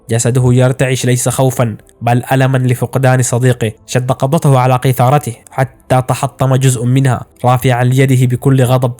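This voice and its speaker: A man tells an anime story with dramatic storytelling flair. His pace is quick and pressing, his pitch in a middle range. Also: a little mellow. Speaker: narrator. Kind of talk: anime recap narration.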